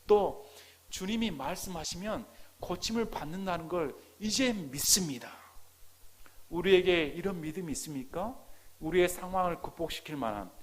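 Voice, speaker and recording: Brief: male pastor, fairly high voice, dramatic sermon delivery, bursts loud then drops to a whisper. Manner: swings from loud, crying-out peaks to hushed near-whispers; acts out quoted prayers and parents' lines.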